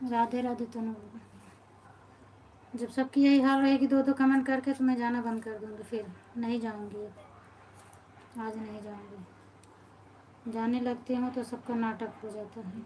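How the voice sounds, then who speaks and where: Her voice is a little high and warm, delivered flatly at a moderate pace, with some hiss or hum on poor audio. She is a folk singer in her thirties with an Awadhi-tinged Hindi accent, hosting a casual live stream, naming her viewers in greeting and grumbling about how busy and tired she is.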